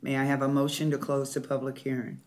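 As board president, a man conducts a formal meeting, reading the agenda and calling for motions and votes. He talks at a quick pace in a mid-range, monotone voice.

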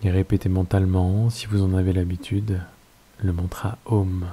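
A man with a French accent guiding a yoga nidra meditation, giving slow, calm, soft-spoken instructions. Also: low-pitched, husky. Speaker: meditation guide.

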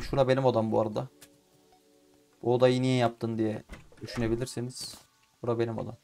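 A young man with in-ear headphones, chatting casually as he plays and often swearing or shouting at the game. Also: mid-range voice. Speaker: gaming YouTuber. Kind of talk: casual let's-play commentary. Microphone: in-ear headphones with mic.

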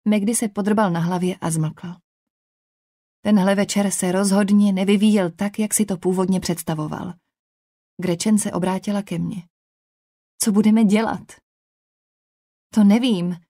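A woman narrates a novel in the first person with a measured, even delivery. Her voice sits at a middle pitch and is recorded close and dry, with no room sound around it. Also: dry recording. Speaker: audiobook narrator.

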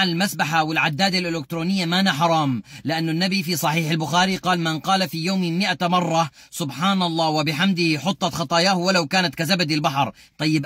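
High, quick-talking preacher man. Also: pushed and bright, husky. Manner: earnest, explanatory, quotes scripture at length. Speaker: Islamic preacher. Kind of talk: short religious advice talks.

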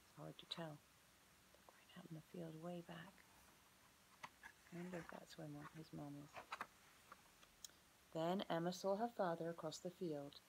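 A woman preschool teacher gently reading a picture book aloud to children and asking them questions about the pages. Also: lowish voice, background noise.

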